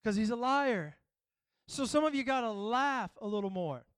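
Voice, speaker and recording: High-voiced, clear preaching man. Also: lively intonation, normal speed, a bit bright, no echo. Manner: humorous, storytelling, preacherly. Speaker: pastor. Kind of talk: sermon.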